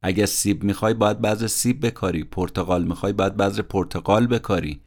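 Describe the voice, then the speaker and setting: Earnest low-voiced man narrating a podcast. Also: steady tone, darkish tone. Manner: earnest motivational, acts out quoted speech. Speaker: podcast host summarizing a self-help book. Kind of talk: conversational book-summary narration.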